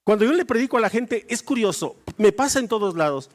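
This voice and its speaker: A man's voice: high-pitched, lively intonation, fast. A male pastor preaching a sermon, acting out little dialogues with shifting voices.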